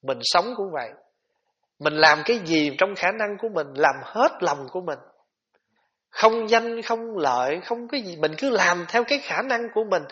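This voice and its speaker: A man giving a gentle, conversational Buddhist dharma talk, with rhetorical questions for his listeners. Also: sits high, expressive, normal speed. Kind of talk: sermon. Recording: dull lo-fi tape recording.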